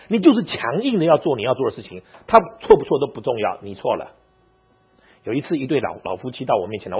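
Man, middle-aged, church elder; animated storytelling sermon; dull lo-fi sound. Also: medium pitch, slightly rough. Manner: animated storytelling, mixing in English words. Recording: muffled lo-fi recording with mains hum.

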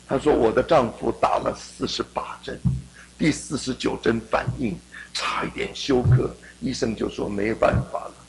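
A middle-aged man preaching a sermon, telling a personal story and swinging between hushed passages and emphatic ones. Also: medium pitch, low-quality recording.

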